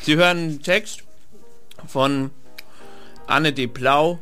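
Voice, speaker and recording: A man's voice: fairly high pitch, slow pace, bright, forceful tone, smooth, faint music behind. A man hosting a radio show, joking and teasing his co-host in casual studio chat.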